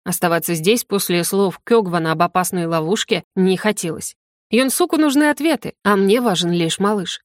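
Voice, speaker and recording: A woman reads a first-person fantasy novel aloud with wry, lively storytelling. Her voice sits at a middling pitch. The recording is close and completely dry. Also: moderate pace, dry recording. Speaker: audiobook narrator.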